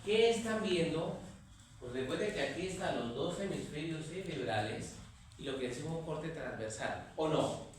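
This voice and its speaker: A Colombian man teaching an anatomy class, quizzing his students and telling lively anecdotes. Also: a little high, normal speed, distant mic. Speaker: anatomy lecturer. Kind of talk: classroom lecture. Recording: echoey classroom recorded from afar.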